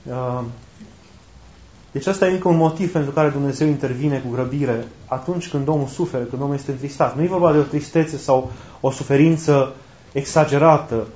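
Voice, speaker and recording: In a roomy, dull lo-fi recording, a man with a medium-pitched, somewhat mellow voice preaches a sermon. His style is conversational, full of rhetorical questions and repeated key phrases.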